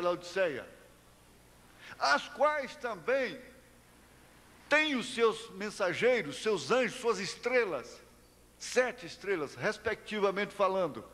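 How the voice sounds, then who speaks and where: An older Brazilian man preaching a sermon in a church hall, slow and deliberate, rising to impassioned exclamations. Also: sits high, a bit bright. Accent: Brazilian Portuguese. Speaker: pastor. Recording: reverberant church hall recording with faint noise.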